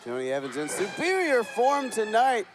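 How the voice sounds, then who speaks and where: A man's voice: sits high, huge pitch swings, normal speed, a crowd in the background. A man calling wrestling play-by-play, sarcastic and exasperated with his broadcast partner. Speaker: play-by-play commentator. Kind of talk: wrestling commentary.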